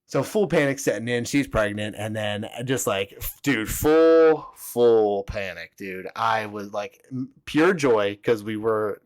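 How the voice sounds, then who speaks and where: A man's voice: fairly low pitch, unhurried, no echo. A young man hosting a podcast, telling a personal story in a rambling, profane way and filling his talk with "like.". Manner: rambling, profane, heavy use of "like". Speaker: podcast host. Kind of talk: casual storytelling.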